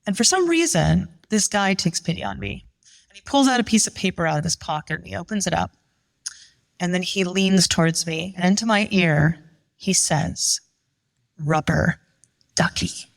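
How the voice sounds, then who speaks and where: A slightly low-voiced woman, middle-aged, telling a true story on stage at a live event. She talks with animated energy and acts out the voices of the people in her tale. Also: moderate pace, vocal fry. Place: live show at a winery.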